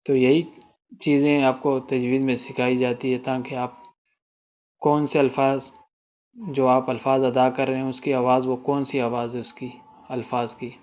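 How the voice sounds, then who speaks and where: Man teaching tajweed in Urdu, smooth voice. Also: medium pitch, flat delivery, a little mellow, muffled recording. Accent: Pakistani Urdu. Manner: explains quickly, then chants verses slowly and melodically. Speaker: Quran recitation teacher. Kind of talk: tajweed lesson with slow recitation.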